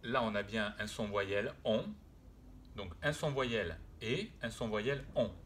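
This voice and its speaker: Guy teaching french sounds, super slow and patient, says each word a few times, faint hiss behind. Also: fairly low pitch, fairly bright tone. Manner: slow, patient, repeats words and sounds aloud; hesitant, with frequent "euh" and self-corrections. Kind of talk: spelling and pronunciation lesson.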